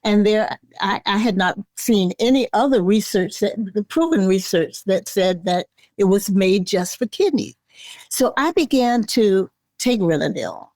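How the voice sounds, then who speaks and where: A woman in her eighties, a guest in an interview, speaking earnestly and deliberately, sometimes restarting her words. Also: medium pitch, animated, darkish tone, dry recording, studio quality. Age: 80s. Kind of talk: casual interview talk.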